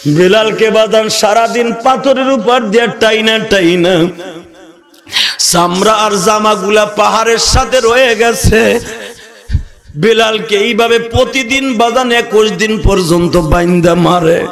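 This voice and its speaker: A man preaching an emotional sermon, shouting and chanting in a sing-song way. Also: high voice, measured pace, faint music behind. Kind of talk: emotional Bengali waz sermon.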